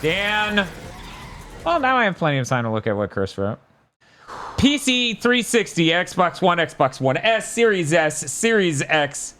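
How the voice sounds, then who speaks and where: A man's voice: high voice, sing-song, unhurried, a bit bright, a little hiss or hum. A man casually commentating his gameplay with joking, playful asides. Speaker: streamer. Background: game music.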